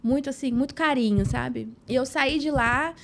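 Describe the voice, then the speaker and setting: Woman with a slightly high voice, an earnest, emotional podcast guest recounting her story. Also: normal speed, gravelly, slight background noise. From São Gonçalo, Rio de Janeiro state, Brazil. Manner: acts out dialogue, earnest and emotional. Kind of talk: personal storytelling.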